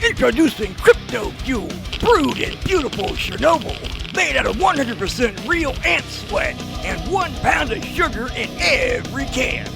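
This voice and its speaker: A man playing a slick, cheery pitchman in a parody radio commercial. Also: big pitch swings, unhurried, music in the background. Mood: hyped.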